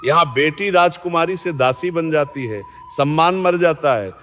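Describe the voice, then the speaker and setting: A man's voice: on the high side, moderate pace, a little hiss or hum, natural voice. Man voicing a meek pleading young wife. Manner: pleading, gentle. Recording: long reverb, faint music behind.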